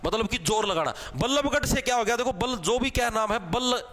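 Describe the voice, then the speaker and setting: A man's voice: extremely high pitch, lively intonation, brisk, background noise. A young man with a Haryanvi accent teaching an exam class, chatty and joking, calling his students brother. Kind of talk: live online class with memory tricks.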